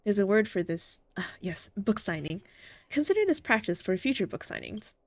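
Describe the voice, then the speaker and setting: A woman voicing a calm, kindly female doctor from a video game. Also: medium pitch, normal speed, dry recording. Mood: warm, sincere. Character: calm, kindly female doctor who likes fairy tales.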